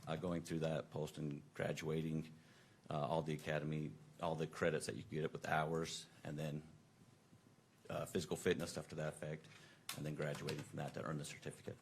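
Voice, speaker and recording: A middle-aged police officer testifying from the witness stand, heard through the courtroom's table microphone and giving brief, matter-of-fact answers. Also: male voice, extremely low pitch, monotone, brisk, slight background noise. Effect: courtroom recording, voice picked up by the witness-table microphone.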